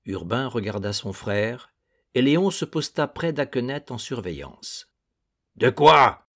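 A man narrating a literary novel in a measured, deliberate reading. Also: medium pitch, big pitch swings. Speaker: audiobook narrator.

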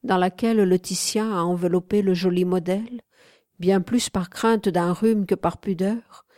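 A woman reading a novel aloud in a calm, measured way, close to the mic. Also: on the low side, no echo. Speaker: audiobook reader. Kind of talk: literary audiobook narration.

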